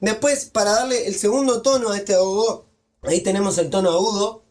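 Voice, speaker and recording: A man teaching body percussion, explaining each step clearly in a tutorial. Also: high-pitched, brisk, darkish tone, a little hiss or hum. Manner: clear step-by-step explaining, vocalizing rhythm syllables. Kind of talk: instructional tutorial.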